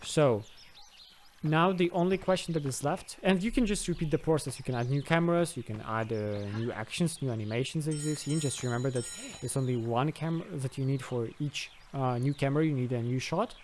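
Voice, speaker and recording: A man with a mid-range, darkish voice talks fairly quickly as host of a video game modding tutorial. It's an unscripted screen recording with slight background noise, and he works through it hesitantly, thinking aloud step by step.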